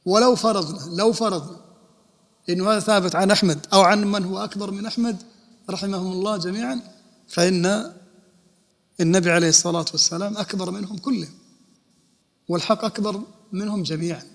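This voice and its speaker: An Islamic scholar with a high-pitched voice speaks fast but pauses often during a religious lesson. He explains rulings by asking questions and then answering them himself, with a long hall reverb on the recording.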